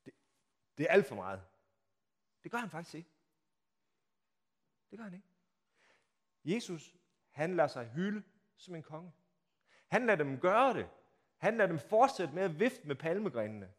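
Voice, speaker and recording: A man preaching a sermon, telling the story dramatically, acting out the crowd's shouts and asking the listeners rhetorical questions, swinging from hushed to loud. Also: sits high, sing-song, long pauses. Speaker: pastor. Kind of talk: Palm Sunday sermon.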